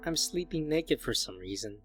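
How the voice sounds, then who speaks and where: A man's voice: mid-range voice, big pitch swings, moderate pace, soft background music, close to an everyday voice. A man reading a lonely schoolgirl's inner thoughts. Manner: quiet, confessional inner monologue. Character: lonely, fearful teenage schoolgirl narrator.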